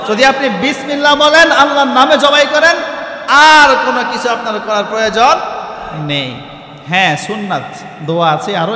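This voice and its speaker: High-voiced male preacher in an echoey hall. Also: sharp tone. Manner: asks listeners questions and answers them; recites Arabic supplications in a chant. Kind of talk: sermon.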